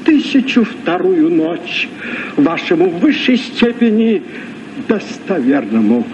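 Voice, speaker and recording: A man's voice: high-pitched, sing-song, takes it slowly, a little mellow, exaggerated voice. A man playing a courteous, flowery storybook seafarer from the East in a children's radio play, ornate and deferential. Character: Sinbad the Sailor, courteous, flowery Eastern seafarer. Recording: muffled, noisy old radio recording.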